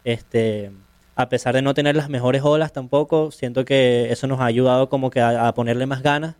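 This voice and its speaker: A man with a Venezuelan accent, answering interview questions as a guest in a friendly, unhurried way with frequent pauses. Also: mid-range voice, steady tone, darkish tone, dry recording. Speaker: guest, professional surfer.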